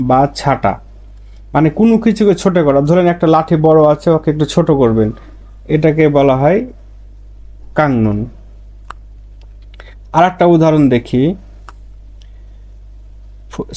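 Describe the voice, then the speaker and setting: Male tutor, mellow tone, higher register, steady repetitive lesson delivery. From Bangladesh. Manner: slow, repetitive, stresses example words. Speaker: Korean language teacher. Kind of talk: explaining pronunciation rules.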